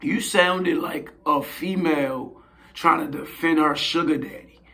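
A hoarse man hosting his own show, giving blunt, slangy casual commentary and often asking "you feel me". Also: fairly high pitch, measured pace, sharp tone. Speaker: host.

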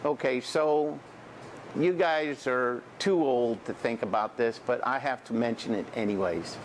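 A man's voice: mid-range voice, measured pace, a little hiss or hum. Older man teaching welding in a shop. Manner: folksy, repeats "okay" and checks in with students. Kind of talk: classroom instruction. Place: school welding shop and classroom, indoors.

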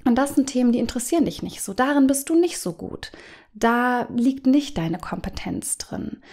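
A woman coach hosting a podcast, speaking to the listener in a gentle, guiding way, sometimes letting phrases sink to a soft whisper. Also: fairly high pitch, lively intonation, normal speed. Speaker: business coach and podcast host.

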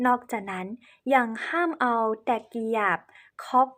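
Lady teaching in thai as a foreigner, a bit halting, polite, highish voice. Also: animated, fairly bright tone. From China. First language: Chinese. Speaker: presenter on cultural etiquette. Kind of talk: explanatory lesson to camera.

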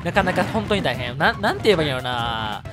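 A man with a Kansai Japanese accent commentating his own fighting game matches, excitable and quick to shout and laugh at big plays. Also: on the high side. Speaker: gameplay commentator. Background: background music.

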